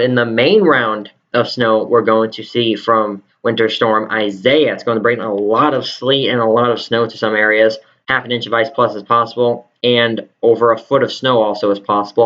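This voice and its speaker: A man works as a live storm forecaster, talking through radar in an improvised, explanatory way. His pitch sits in an ordinary middle range. The recording is slightly dull and lo-fi. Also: fairly bright tone. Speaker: live severe weather forecaster. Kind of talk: live weather radar commentary.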